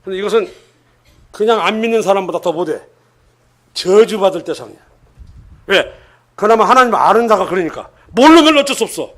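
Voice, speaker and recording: An older man preaching a church sermon. He keeps quizzing the congregation with rhetorical questions and swings between emphatic loud lines and hushed asides. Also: sits high, animated, a little fast, long pauses.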